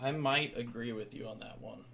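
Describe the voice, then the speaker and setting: An American man with a medium-pitched voice chats about sports as a podcast co-host. He is informal and laid-back, swearing casually as he talks. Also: moderate pace, a bit bright, slight background noise.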